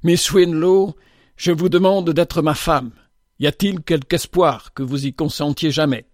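Earnest nervous young guy pleading, read by a man, fairly high voice, dry sound. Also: moderate pace, a little mellow, no echo, close to an everyday voice. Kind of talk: audiobook dialogue reading.

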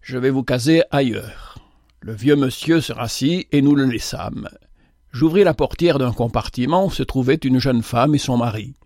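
A man's voice: mid-range voice, no echo. Man narrating a story, dry close sound. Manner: measured, expressive first-person storytelling. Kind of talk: storybook reading.

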